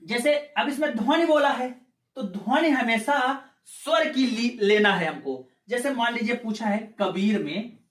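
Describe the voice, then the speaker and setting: Unhurried and expressive, a man with a very high voice leads an exam-focused grammar lecture in an echoey room. He lays out each step, poses rhetorical questions, and repeats points, checking in with students through "ठीक है".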